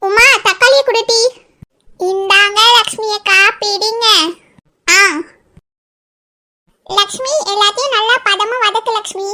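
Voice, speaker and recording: A woman's voice: steady tone, unhurried, long pauses, sharp tone, exaggerated voice. A woman voicing chattering village women who squabble and scold while cooking in a cartoon comedy. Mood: busy. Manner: squeaky, bossy, scolding chatter.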